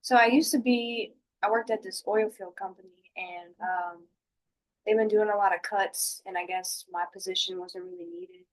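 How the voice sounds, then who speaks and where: A woman playing a dejected client who has lost job and home, confiding haltingly in a mock counseling session. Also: mid-range voice, steady tone, close to an everyday voice, low-quality recording. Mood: downcast. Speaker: client in a role play.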